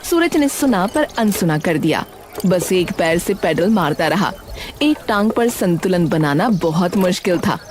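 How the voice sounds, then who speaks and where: A woman's voice: on the low side, animated, measured pace, a little mellow, slight background noise. Dramatic woman storyteller. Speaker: narrator. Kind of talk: scripted story narration.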